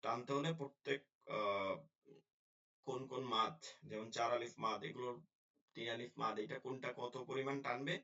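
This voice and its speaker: A man teaching a Quran pronunciation lesson, drilling syllables slowly and explaining lip and tongue positions in colloquial speech. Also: medium pitch, fairly even intonation, pushed and bright. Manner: drills syllables slowly and repeats them for practice. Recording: slightly dull lo-fi sound.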